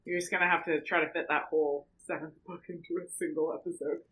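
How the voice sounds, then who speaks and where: Woman with a lowish voice on a podcast, emphatic, wry, thoughtful, chatty. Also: fairly even intonation, fast talker, fairly bright tone, poor audio. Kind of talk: casual podcast chat.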